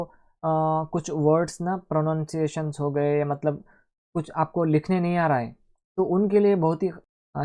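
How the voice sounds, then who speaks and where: A man with a mellow, fairly high voice hosts a casual screen-recorded computer tutorial. He chats with viewers as if they were friends and talks through each step aloud.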